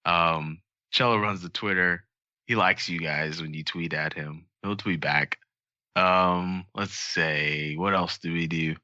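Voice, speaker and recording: A man hosting a podcast in easy, rambling chat, peppered with ums. His voice is low and very bright, recorded dry and close with a slightly dull, lo-fi sound. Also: fairly even intonation, slow, no room sound. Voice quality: frequent ums, loose rambling delivery. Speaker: podcast host.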